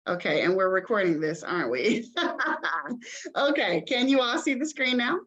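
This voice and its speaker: A woman's voice: medium pitch, very animated, measured pace, fairly bright tone, dull audio. A woman admissions representative giving an online information session over a video call, chatty and encouraging, with many ums and okays.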